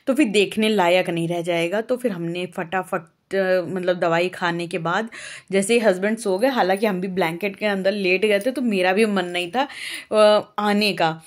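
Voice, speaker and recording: A young woman from Uttar Pradesh talks through her household chores in a rambling, homely vlog voice. She talks on easily and often stops on small filler sounds, keeping her pitch in the middle range for a woman. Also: moderate pace. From Uttar Pradesh, India. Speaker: vlogger. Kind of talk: casual chatty vlog narration.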